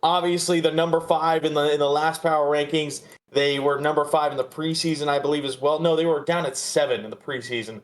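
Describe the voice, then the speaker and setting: A sports podcast host with a somewhat high-pitched voice gives casual, conversational analysis, often repeating a phrase while he works out his next thought. He talks fairly quickly with fairly even intonation and hardly any pauses.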